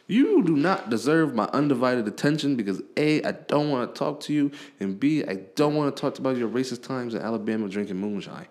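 A man hosts his own podcast in a loose, profane rant. His pitch swings a lot as he talks, and his delivery stays blunt and animated. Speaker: podcast host. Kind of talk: casual ranting monologue.

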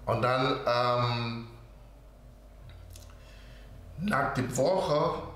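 Slow halting man in an echoey room. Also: mid-range voice, a bit bright. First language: not German. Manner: slow, hesitant, with many fillers and quoted dialogue. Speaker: interview guest. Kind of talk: halting storytelling in broken German. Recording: very echoey room with faint background noise.

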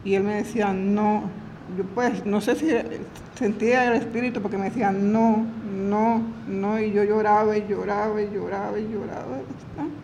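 A woman giving an emotional religious testimony in halting, repetitive speech, retelling her prayers in her own words. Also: mid-range voice, steady tone, creaky, darkish tone, slight background noise, rough recording. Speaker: church member giving testimony.

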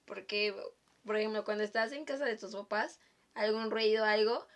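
A woman's voice: medium pitch, normal speed, crowd noise. A woman with a Mexican Spanish accent in casual chat who talks a lot, laughs often and acts out the voices in her stories.

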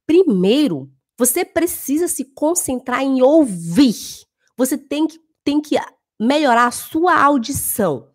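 A woman's voice: sits high, big pitch swings, unhurried. A woman, a German teacher talking casually to camera, emphatic and repeating phrases for stress.

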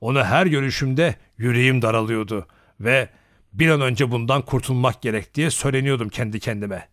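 A man's voice: mid-range voice, a little fast, fairly bright tone, dry recording, studio quality, close to an everyday voice. A man voicing a stern, grumpy old grandfather in an audiobook, grumbling. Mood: relieved.

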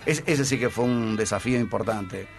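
A man's voice: lowish voice, moderate pace, gravelly. Man, Rioplatense accent, older, anecdotal, stumbles and repeats words, radio interview, faint music. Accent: Rioplatense Spanish. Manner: chatty, anecdotal, repeats words while searching. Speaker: radio guest, former sports broadcaster. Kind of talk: casual radio interview storytelling.

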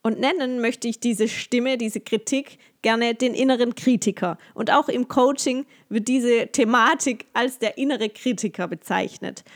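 Lady coach talking you through a calm guided exercise, soft and questioning, laughs a bit, voice on the higher side. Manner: calm, gently guiding, asks many questions, laughs often. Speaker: yoga teacher and coach.

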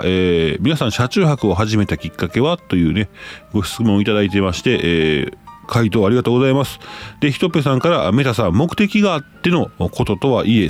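A man's voice: medium pitch, darkish tone. A man with a Kansai accent, hosting a casual live stream, reading listener messages aloud and exclaiming often as he reacts.

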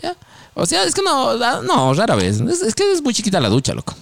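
Animated slangy man. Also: a little fast, vocal fry. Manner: slangy, animated, peppers speech with "loco"; mimics others in high-pitched voices. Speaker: podcast host. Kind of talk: casual chat.

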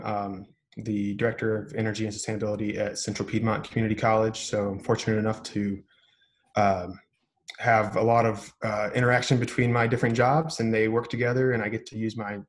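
A man answering interview questions on a podcast, explaining steadily with frequent ums. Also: lowish voice. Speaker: podcast guest, business owner. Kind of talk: casual interview talk.

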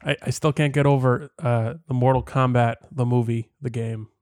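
A man's voice: medium pitch, fairly even intonation, normal speed, darkish tone, clear, resonant tone, dry recording, studio quality. A man co-hosting a casual podcast chat, wry and dismissive as he talks about movies. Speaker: podcast co-host.

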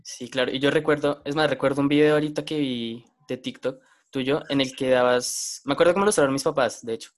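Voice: medium pitch, fairly even intonation, a little fast, few pauses. An interviewer, asking questions in a hesitant, repetitive way. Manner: hesitant, repeats words while asking. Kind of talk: casual interview.

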